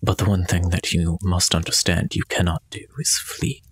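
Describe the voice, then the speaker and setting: A man playing a tabletop game, speaking in character in a measured, formal, quietly menacing way. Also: low-pitched, little pitch movement, slightly rough, no room sound. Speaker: player. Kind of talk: in-character tabletop role-play.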